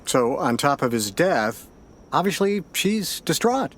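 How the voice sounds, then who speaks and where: In an audio drama, a male actor with a slightly high voice plays an American sheriff's detective who questions steadily and probingly. He sounds polite and businesslike, measured and matter-of-fact.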